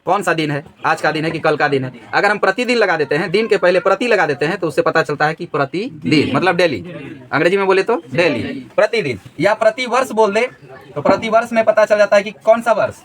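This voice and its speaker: A man's voice: high voice, lively intonation, fairly quick, fairly bright tone. A man teaching a grammar lesson in a classroom, repeating each question so the students answer together.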